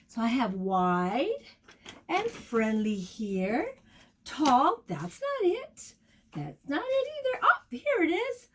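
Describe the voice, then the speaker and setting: At a medium pitch, a woman preschool teacher leads a storytime lesson for young children. She asks them questions, encourages them, and deliberately repeats key words.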